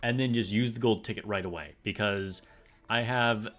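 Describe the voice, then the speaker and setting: A man's voice: fairly low pitch, moderate pace, a bit bright. A man streaming a game, chatting casually with viewers in a laid-back, rambling way full of fillers. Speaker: gaming streamer. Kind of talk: casual live-stream chat.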